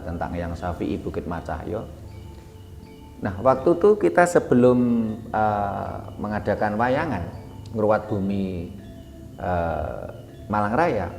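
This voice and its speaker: A man talks through his memories slowly and haltingly, stopping on fillers and correcting himself. His voice sits a little low. The sound is roomy and reverberant, with faint music underneath. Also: vocal fry, a little mellow. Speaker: guest telling his life story. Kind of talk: casual spoken memoir. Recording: echoey room with long reverb, faint music.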